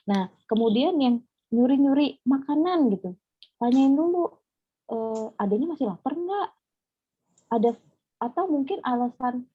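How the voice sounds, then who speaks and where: A woman's voice: fairly high pitch, slightly rough, no room sound. Chatty woman on a thin call line. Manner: chatty, lively, addresses mothers directly. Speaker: parenting speaker. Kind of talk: webinar talk. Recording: phone-like thin audio.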